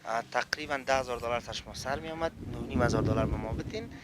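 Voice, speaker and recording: A man's voice: mid-range voice, heavy background noise. A man with an Afghan accent, speaking as a car dealer in casual sales talk.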